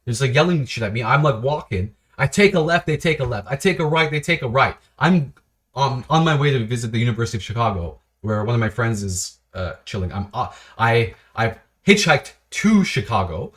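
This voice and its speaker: An animated man talks unscripted to camera for his own video series. His pitch swings widely from low to high as he rambles along. He keeps restarting his sentences and breaking off with short laughs. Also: brisk. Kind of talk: casual unscripted monologue.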